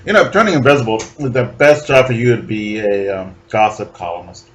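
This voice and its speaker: A man co-hosts a casual podcast about comics, speaking in a relaxed and wry manner. He often trails off or restarts mid-sentence as he talks. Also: mid-range voice, brisk, a little hiss or hum. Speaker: podcast co-host. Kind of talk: casual comic book discussion.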